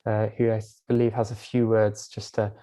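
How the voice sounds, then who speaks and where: A British man giving a live online art museum tour, talking in a relaxed way with many small pauses and fillers. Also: on the low side. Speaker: tour guide.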